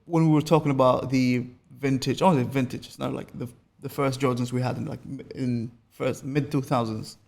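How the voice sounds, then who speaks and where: A man co-hosting a sneaker podcast in casual chat, eager and quick to react. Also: mid-range voice, steady tone, creaky, a little mellow. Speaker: podcast co-host.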